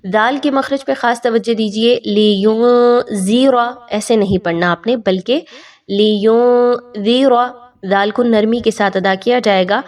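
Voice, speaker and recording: A woman teaching Quran recitation. She explains each rule patiently, then recites the words slowly and drawn out, repeating them several times. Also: a little high. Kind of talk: tajweed lesson with slow recitation.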